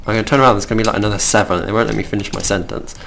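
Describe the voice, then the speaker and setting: Brief: young Midlands-accented male game host, low gravelly voice, rambling chat, faint keyboard clicks behind. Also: steady tone, very fast, a bit bright, slight background noise. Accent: Midlands English. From England. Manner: chatty, rambling, easily distracted. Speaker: gaming channel host. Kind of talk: casual game commentary.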